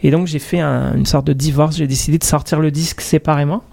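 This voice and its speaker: A man's voice: fairly high pitch, steady tone, fast talker, gravelly, dark tone. A man from France talking casually as an interview guest, hesitant and often searching for words.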